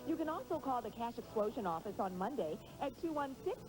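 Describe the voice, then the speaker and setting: A woman's voice: fairly high pitch, very animated, fairly quick, rough recording. A woman co-hosting a TV game show, reading scripted announcements. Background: music.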